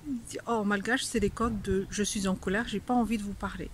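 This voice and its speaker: A woman's voice: mid-range voice, fairly even intonation, a little fast, slight background noise. A woman teaching a casual video language lesson, playful, laughing often and pretending to be angry.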